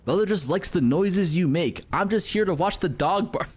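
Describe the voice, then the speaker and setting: A man's voice: high voice, animated, moderate pace, breathy edge. A man streaming a game live, chatting casually, cursing and joking while he reads out chat messages.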